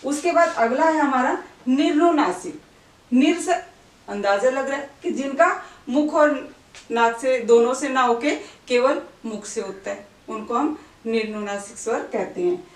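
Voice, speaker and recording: A woman with a fairly high voice teaches a grammar lesson one step at a time. She asks questions and answers them herself, and has the listener repeat words with her. The voice is recorded from some distance from the mic in a room with plenty of echo. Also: a little slow. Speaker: Hindi teacher. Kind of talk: classroom-style grammar lesson. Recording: echoey room, voice away from the mic.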